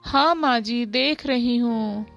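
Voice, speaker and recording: A woman's voice: on the high side, slow pace, vocal fry, fairly bright tone, highs cut off, soft background music, heavily acted. A woman voicing a strict, worried mother in a spoken story, scolding and fussing. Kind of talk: storybook voice acting.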